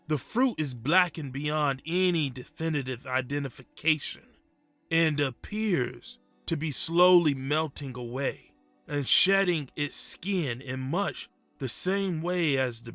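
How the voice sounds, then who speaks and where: A man performs a frightened, muddled man telling his own horror tale in hushed, creeping unease. The delivery is very slow and halting, with a slightly high male pitch and a wry edge. Soft music sits behind the roomy sound. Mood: creeping dread. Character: frightened confused man haunted by screaming apparition, wry. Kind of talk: first-person horror story narration.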